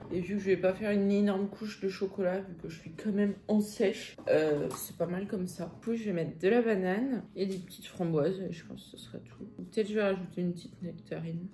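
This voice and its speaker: Chatting freely from her home kitchen, a young woman who vlogs about fitness and food speaks with casual enthusiasm and lots of filler words. She has a mellow, mid-range voice, and the room sounds echoey.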